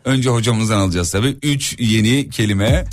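A man's voice: on the low side, normal speed. A man hosting a morning radio show, laughing often and egging on his co-hosts. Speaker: radio host. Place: radio studio. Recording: radio broadcast with music bed.

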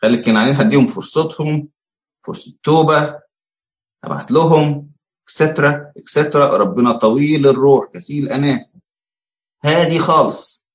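A man with an Egyptian Arabic accent preaching a conversational sermon, asking rhetorical questions and pausing on fillers. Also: medium pitch. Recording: echoey room.

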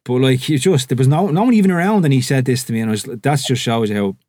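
A man's voice: medium pitch, fast talker, no room sound. A man hosting a podcast, chatting casually and telling stories with the odd swear word. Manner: relaxed storytelling, swears freely. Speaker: podcast host. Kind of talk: casual conversation.

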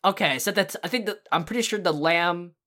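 Low-voiced woman, rambling podcast co-host. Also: brisk, pushed and bright. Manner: rambling, enthusiastic retelling with many fillers and restarts. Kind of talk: casual podcast chat about horror films.

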